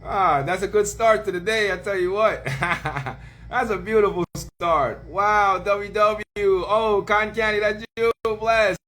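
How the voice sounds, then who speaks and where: A man hosting a casual livestream, greeting viewers by name with slang shout-outs and laughing often. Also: high-pitched, slight background noise. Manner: laughs often, drawn-out words. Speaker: livestream host.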